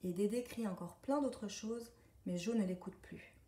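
A woman from a library, reading a children's picture book aloud in a calm, gentle voice. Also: medium pitch, normal speed. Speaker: library storyteller. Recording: echoey room, distant mic.

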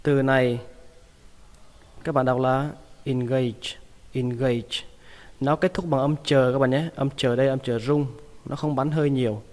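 A man teaching English vocabulary, repeating each word slowly and patiently. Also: medium pitch, darkish tone, big-room sound. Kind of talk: vocabulary lesson.

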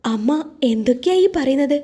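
A woman voicing a passionate young husband in an audio story, making insistent, forceful declarations. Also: high voice, animated, moderate pace, breathy edge. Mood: insistent, defiant.

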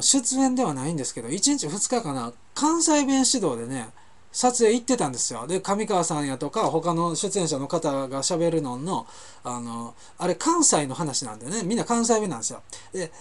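Chatty Kansai man with lively pitch. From Kansai, Japan. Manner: chatty, rambling anecdotes with frequent self-corrections. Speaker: host of a web talk show. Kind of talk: casual storytelling monologue.

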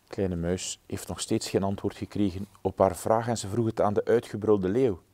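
Mellow man reading a story. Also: on the low side, steady tone. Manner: gentle, measured storytelling. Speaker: storybook reader. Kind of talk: children's story read-aloud.

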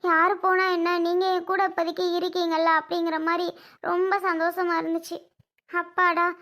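A woman's voice: very high voice, fairly bright tone. A woman playing a hurt, stubborn young wife and mother in a family drama skit, talking in an emotional, pleading way. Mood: tearful, grateful.

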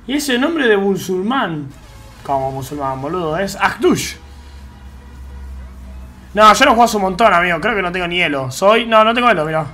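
A man's voice: high voice, lively intonation, moderate pace, long pauses, pushed and bright. A man with an Argentine Rioplatense accent, chatting casually with his live-stream chat in slangy, easygoing talk while he plays a game. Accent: Argentine Rioplatense Spanish. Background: faint game music.

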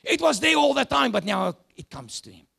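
South african pastor guy preaching, high voice with lots of fry, shouts then goes quiet. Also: big pitch swings, fairly quick. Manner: preaching with sudden shouts and hushed asides. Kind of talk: sermon.

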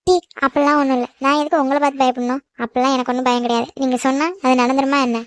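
A woman voicing a feisty, quick-tongued schoolgirl in a cartoon who protests and talks back. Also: high-pitched, little pitch movement, dry recording, lightly acted. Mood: protesting. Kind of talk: cartoon voice acting.

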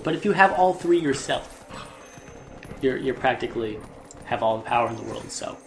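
A young man giving casual, rambling gameplay commentary as a let's play host. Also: mid-range voice. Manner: chatty, rambling, easily amused. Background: game music.

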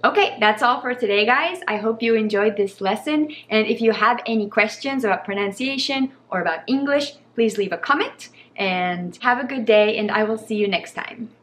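A young woman with an American accent gives a bilingual pronunciation lesson, slowly and clearly modelling example words. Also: on the high side, a bit bright, a little hiss or hum. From United States. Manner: slow, exaggerated model pronunciations. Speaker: English pronunciation teacher.

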